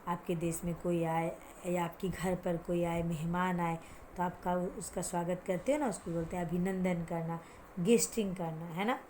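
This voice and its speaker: A woman teaching Hindi vocabulary to children, asking and answering her own questions, mixing in English words, and having the pupils repeat hard words after her as she pronounces them slowly. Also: fairly low pitch, steady tone, warm tone, slight background noise. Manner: drawn-out careful pronunciation of hard words.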